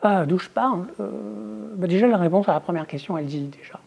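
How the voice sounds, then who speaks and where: A middle-aged woman, an academic researcher, answering interview questions in a thoughtful, measured way, her voice trailing off quietly at the ends of phrases. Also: mid-range voice, creaky, breathy edge. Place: indoors, filmed for a museum exhibition.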